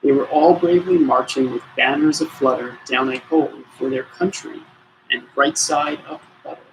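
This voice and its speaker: A man's voice: medium pitch, fairly even intonation, moderate pace, slight background noise, poor audio. A man reading a rhyming storybook aloud with theatrical, rhythmic expression. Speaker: storybook reader.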